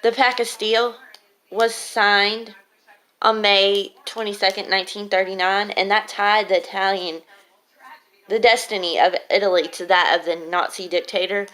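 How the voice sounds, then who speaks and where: A woman with a swollen lip giving an informal student presentation on an article, speaking hesitantly and haltingly, with slightly off articulation. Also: medium pitch, little pitch movement, a bit bright, low-quality recording. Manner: hesitant, halting delivery with long pauses.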